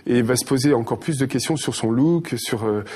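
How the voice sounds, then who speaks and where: A man with a mid-pitched voice answers as a guest in an interview. He explains things conversationally and hesitantly, often feeling for the right word. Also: fairly quick, darkish tone, slightly rough. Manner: hesitant, searching for words. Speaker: guest, hairdresser.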